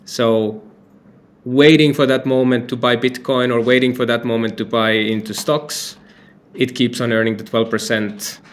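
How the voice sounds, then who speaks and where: Speaking at an ordinary pace with a medium, mostly level pitch, a man from Finland answers interview questions. He founded the company he runs as CEO, and his chatty replies are full of fillers and do-overs.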